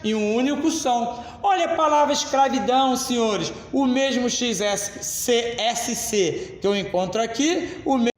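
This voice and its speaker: A Brazilian man teaching a grammar lesson at the board, explaining slowly and addressing the class as "senhores.". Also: very high-pitched, slight background noise. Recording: echoey classroom, reverb.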